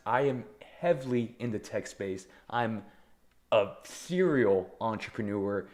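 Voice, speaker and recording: A young man hosts a solo motivational podcast, talking energetically with a fairly low voice. He leans hard on emphasis and slips in self-deprecating asides as he goes. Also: a little mellow. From Taiwan. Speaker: podcast host.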